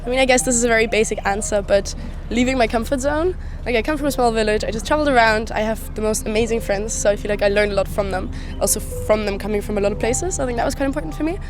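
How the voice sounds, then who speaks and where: A woman's voice: a little high, fast. Easygoing young woman from Austria. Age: 20s. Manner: relaxed and easygoing, many "like" and "you know" fillers. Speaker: interviewee, traveller. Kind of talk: street interview answers. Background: clear music.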